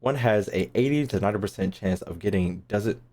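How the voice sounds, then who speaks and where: A young game streamer delivers casual livestream commentary full of slang, profanity and playful rants. His voice is on the low side, quick and darkish.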